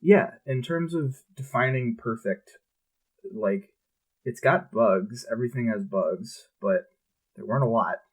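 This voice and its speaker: A man co-hosting a podcast in casual chat, relaxed and swearing freely. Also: medium pitch, unhurried, slightly rough. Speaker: podcast co-host.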